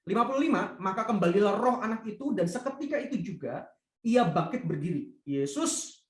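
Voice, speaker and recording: A man preaching a lively, conversational sermon who keeps asking the congregation questions. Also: high voice, fairly quick. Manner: asks the congregation rhetorical questions; acts out the voices of people in the story. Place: church hall. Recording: echoey church livestream.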